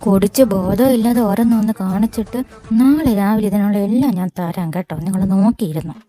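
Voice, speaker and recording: A woman voicing a sharp-tongued wife who nags and scolds her husband in a fan audio drama. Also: medium pitch, brisk, over music, close to an everyday voice. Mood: scolding. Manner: nagging, scolding.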